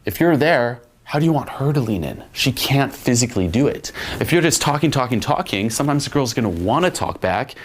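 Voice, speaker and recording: A man's voice: medium pitch, animated, brisk, few pauses, a little hiss or hum. A man giving a casual, blunt dating lesson, swearing freely as he explains. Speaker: dating coach. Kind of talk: instructional monologue.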